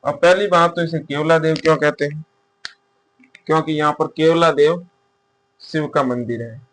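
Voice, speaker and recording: A male teacher giving a casual exam-prep lecture, asking questions and answering them himself, and repeating key terms slowly as he writes them down. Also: on the high side, fairly even intonation, fairly bright tone. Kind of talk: casual classroom-style lecture.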